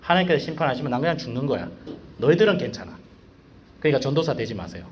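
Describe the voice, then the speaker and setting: This school evangelist talks rapid-fire in a mid-range voice, with slight background noise. He gives students an informal devotional sermon, animated and slangy, leaning heavily on rhetorical questions.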